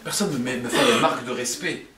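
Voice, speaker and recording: A man's voice: mid-range voice, fairly quick, background noise, pitched below the performer's own voice, close to an everyday voice. A man voicing a naive husband who boasts he will be rich, recorded roomy and from a distance. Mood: sulking.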